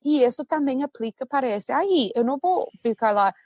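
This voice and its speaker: Brief: woman, English speaker, podcast guest, bright higher voice, dry close sound, animated talker. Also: normal speed, no room sound. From United States. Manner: animated, thinks aloud with many asides. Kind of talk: casual podcast conversation.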